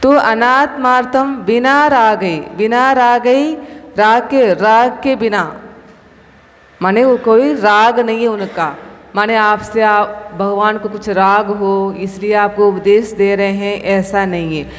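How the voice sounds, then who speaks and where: A woman's voice: medium pitch, takes it slowly. A woman who is a Jain nun, leading a scripture recitation class and patiently correcting pronunciation syllable by syllable. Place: temple hall. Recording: long hall reverb, faint room noise.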